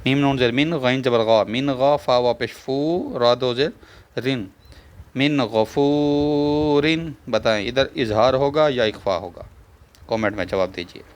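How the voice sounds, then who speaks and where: Patient man spelling out a reading lesson. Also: medium pitch. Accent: Pakistani Urdu. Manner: spells out letters and vowel marks, then drawls the joined words slowly; asks the viewer questions and repeats each rule. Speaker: Quran reading teacher. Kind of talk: step-by-step recitation lesson.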